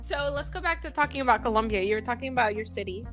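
A woman's voice: on the high side, lively intonation, very fast, fairly bright tone, faint music behind. A woman hosting a casual chat, asking questions and steering the talk. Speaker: host.

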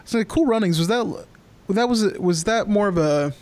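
A young man co-hosts a podcast in relaxed chat, leaning on "like" and small fillers between thoughts. His voice sits a bit higher than most men's. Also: normal speed. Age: young adult. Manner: filler-heavy, lots of "like". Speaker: podcast co-host. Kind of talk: casual chat.

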